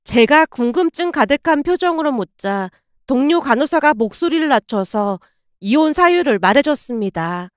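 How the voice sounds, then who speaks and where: A woman telling a first-person story in a calm, recounting way. Her voice sits high, and the recording is dry and close. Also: normal speed, no echo. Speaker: narrator.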